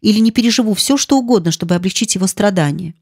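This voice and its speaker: A woman voicing an excitable young gentlewoman, a baronet's daughter, in an audiobook, speaking quickly and eagerly. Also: medium pitch, no echo, studio quality. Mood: passionate.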